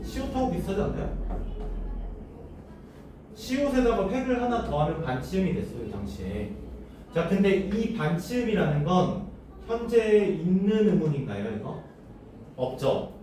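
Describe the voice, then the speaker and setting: A man teaches a classroom lecture, often asking the students questions and then answering them himself. His voice sits high and sing-song at a moderate pace with long pauses, and it sounds far off in an echoey room with background noise.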